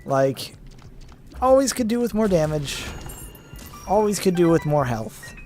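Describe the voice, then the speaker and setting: Let's play host, male, slightly raised pitch, offhand rambling commentary. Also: big pitch swings, measured pace, a little mellow, faint music behind. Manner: rambling, self-deprecating asides. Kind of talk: casual gameplay commentary.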